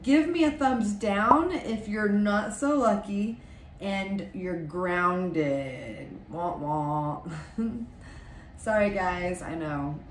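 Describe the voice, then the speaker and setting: A woman's voice: mid-range voice, lively intonation, drawn-out words, far from the mic. A woman in her forties chats through coaching tips in an easy, upbeat way, full of little fillers. She sits a little back from the mic in a small home office. The room rings with echo and a faint hiss sits underneath. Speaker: podcast host and fitness coach. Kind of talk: casual podcast monologue.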